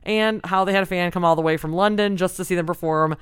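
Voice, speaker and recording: A young adult woman co-hosting a music chart podcast, upbeat and quick to laugh as she interviews guests. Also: on the low side, steady tone, clear, resonant tone, dry recording, studio quality. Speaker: podcast co-host. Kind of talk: casual chat and interviewing.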